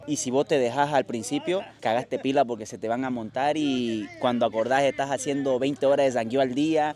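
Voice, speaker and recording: A man's voice: mid-range voice, a little mellow. A man, telling blunt, profane stories in casual conversation as an interviewee. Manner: blunt, profane, fast storytelling. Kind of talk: casual chat.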